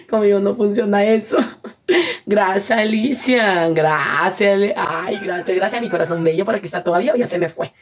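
A woman's voice: mid-range voice, breathy edge. A Salvadoran woman chatting casually on a phone live stream, reading viewer comments, laughing often and thanking viewers.

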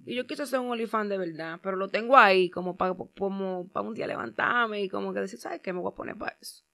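Hoarse young female singer, shy interviewee, fry-heavy, bright timbre. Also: medium pitch, fast talker. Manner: bashful, hedging, with many fillers. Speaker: music artist guest. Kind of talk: casual interview chat.

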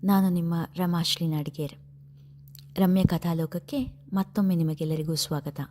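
A woman storyteller with a low, mellow voice reads a novel aloud in a calm and expressive way. Faint hiss sits under the recording. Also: moderate pace. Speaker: storyteller host. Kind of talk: serialized novel reading.

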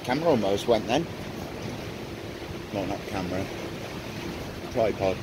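Older man, loud wind on mic. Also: on the low side, animated, unhurried. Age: older, around 50s to 60s. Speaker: angler vlogger. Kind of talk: casual outdoor fishing vlog. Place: outdoors on a windy seaside pier. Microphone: handheld or tripod-mounted phone. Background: wind and sea noise.

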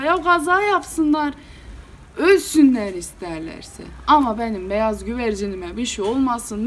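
Exasperated village headman played by a woman, solo storytelling, animated, higher voice. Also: slight background noise, close to an everyday voice. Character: exasperated male village headman, hot-tempered. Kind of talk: solo storytelling performance, meddah style.

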